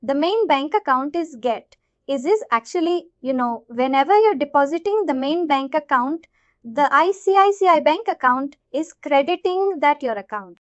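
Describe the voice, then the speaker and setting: This software instructor, a woman with an Indian accent, runs an informal live tutorial, going over points repeatedly and making sure listeners follow. She talks in a high, animated voice at a moderate pace. The recording is muffled but has no echo.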